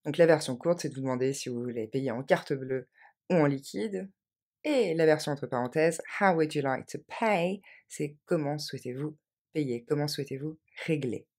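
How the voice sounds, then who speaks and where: A woman teaching English phrases to French speakers, repeating each one slowly and then quickly. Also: low-pitched, darkish tone. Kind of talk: language lesson with repeated model phrases.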